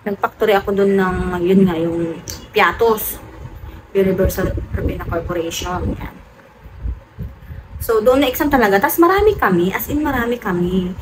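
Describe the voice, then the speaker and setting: A woman from the Philippines chatting casually to her vlog viewers, telling stories with frequent laughs, her voice jumping up high when she gets excited. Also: normal speed, pauses often. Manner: animated storytelling, laughs often, voice jumps high when excited. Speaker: vlogger. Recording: noisy home room with electric fan.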